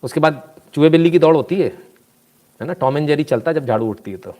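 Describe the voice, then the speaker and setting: Here a man with a fairly high pitch speaks quickly in casual live commentary. Animated and scolding, he goes through viewer comments and tells anecdotes along the way.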